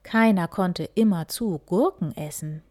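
A woman softly whispering a children's story, reading one tale after another. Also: fairly low pitch, a little slow. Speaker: reader.

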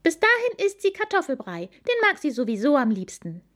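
A woman voicing a cheerful young wild boar girl in a storybook reading, chatty and lively. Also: high-pitched, a little fast, voice pushed up, exaggerated voice.

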